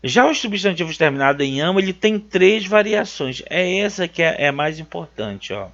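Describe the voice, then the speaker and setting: A man's voice: a little high, sing-song, moderate pace, fairly bright tone. A man from Brazil teaching a grammar lesson for an exam, emphatic and checking in with "certo?" as he repeats key words. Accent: Brazilian Portuguese. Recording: dull lo-fi sound.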